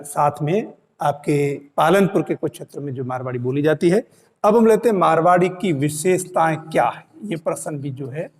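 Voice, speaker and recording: A man teaching an exam-prep lesson, speaking slowly and repeating key points for students. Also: fairly high pitch, darkish tone, in a large hall. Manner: slow, repeats key points, "dhyan dena" reminders.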